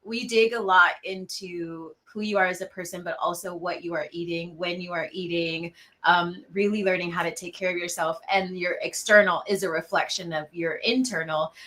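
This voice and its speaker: A woman's voice: lowish voice, fairly even intonation, normal speed, pushed and bright. A woman hosting the interview and coaching her guest, speaking casually and laughing along. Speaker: host, coach running the program.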